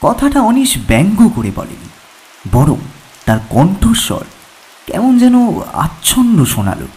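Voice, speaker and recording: A male narrator reads a horror story with a lively, rising and falling delivery. His voice sits a little high, and rain patters behind him. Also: unhurried. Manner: expressive storytelling. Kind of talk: scripted audio drama narration.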